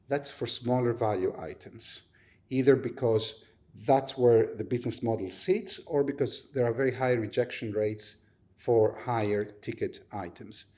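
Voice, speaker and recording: A man's voice: mid-range voice, darkish tone. A man who co-founded a startup, a guest on a podcast, laying out his business model step by step with everyday examples. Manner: methodical, builds points with everyday examples. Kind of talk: explaining a business model in an interview.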